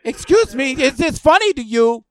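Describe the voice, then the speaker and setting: A man's voice: very high voice, big pitch swings, moderate pace, pitched above the performer's own voice. A man voicing a rambling, spaced-out old stoner oddball making a prank phone call. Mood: indignant, cagey.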